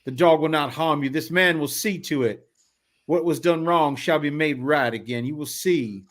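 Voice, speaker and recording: A man doing a formal old-fashioned gentleman father. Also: high-pitched, expressive, a little slow, pitched above the performer's own voice. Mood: soothing. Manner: stiff formal diction.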